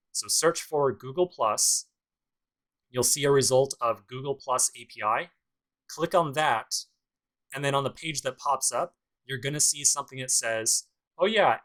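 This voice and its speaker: A man's voice: mid-range voice, a bit bright, rough recording. A man teaching a programming course in a casual screencast tutorial, talking through each step with dry sarcastic asides. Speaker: programming instructor.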